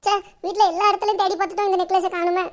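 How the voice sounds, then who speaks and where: A young performer voicing a vain, greedy middle-aged village mother in a comic skit, speaking a with scolding, drawn-out calls. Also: extremely high pitch, level tone. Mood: fretful.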